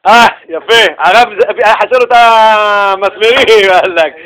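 High-voiced man telling a lively religious story. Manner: animated, slangy, chatty with listeners, acting out quoted voices. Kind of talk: casual religious talk with storytelling.

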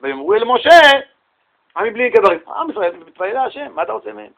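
A man giving a lively religious lesson, telling a story in vivid scenes, swinging between loud exclamations and hushed asides. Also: high voice, creaky, narrow, tinny audio, slight background noise. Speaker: rabbi giving a Torah lesson.

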